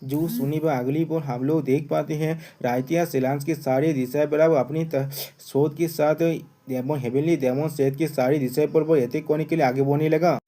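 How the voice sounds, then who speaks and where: A man's voice: fairly high pitch, steady tone, normal speed, warm tone. A man narrating a manga recap in a casual, chatty way, often talking straight to his viewers as friends. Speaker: manga explainer.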